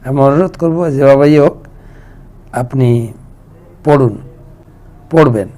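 A man's voice: medium pitch, slow pace, dark tone. A man, a monk who reads out devotees' questions and answers them with homely examples in a devotional talk.

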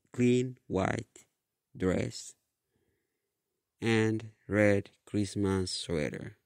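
A man reading his own story aloud in a slow, halting way with restarts. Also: lowish voice, creaky, darkish tone, smooth, no echo, studio quality. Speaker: author reading his book. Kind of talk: storybook narration.

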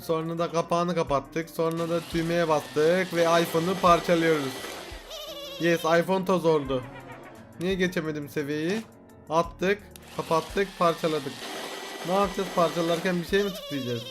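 A young man doing casual let's-play commentary, excitable, laughing often and shouting in frustration. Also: fairly high pitch, normal speed. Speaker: gaming youtuber. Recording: faint game music behind.

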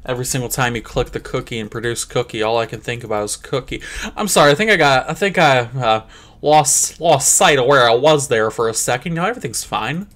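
A young man giving crude, jokey commentary over a game, jumping into squeaky high voices. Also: fairly quick, fairly bright tone. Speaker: gameplay commentator. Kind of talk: comedic let's play commentary.

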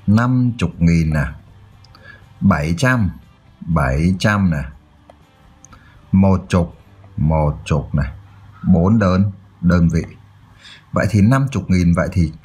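A man's voice: deep voice, a little mellow, slightly rough. A man tutoring children through a math exercise, explaining step by step and often checking that they follow. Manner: checks in often with "được chưa?".

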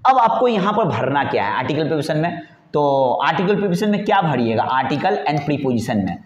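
A man's voice: on the high side, very animated, quick pace. A male teacher giving an exam-prep grammar lesson, repeating points and answering his own questions in a coaxing way. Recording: echoey, dull lo-fi room sound.

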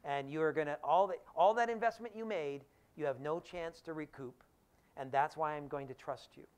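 A man, an economics professor, giving a public lecture in an animated storytelling way, with acted-out quotes. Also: on the high side, normal speed, clean tone.

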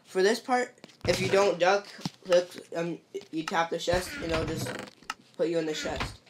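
In a fairly low, steady voice at a measured pace, a woman narrates a step-by-step game tutorial, patiently explaining how to build a game. She keeps checking in with "see?" and "perfect." The home recording is noisy, with clicks.

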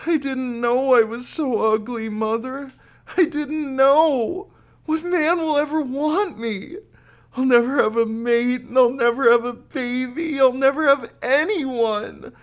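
A man's voice: steady tone, slow pace. A man voicing a tall young woman who sobs and pleads about her looks in a storybook reading. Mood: distraught. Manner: high sobbing pleas.

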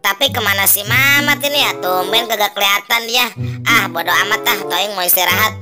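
A woman's voice: medium pitch, a little fast, music in the background, lightly acted. A woman voicing Toing, a lazy, grumbling male ondel-ondel puppet who teases his crying friend. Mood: drowsy. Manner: grumbling, teasing, bossy.

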